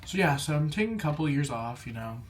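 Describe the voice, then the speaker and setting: A man's voice: on the high side, expressive, fast talker, a little hiss or hum. Chatty young man eating on camera. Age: young adult. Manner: chatty, lots of "like" fillers, talks between bites. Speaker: food vlogger. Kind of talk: casual mukbang Q&A while eating.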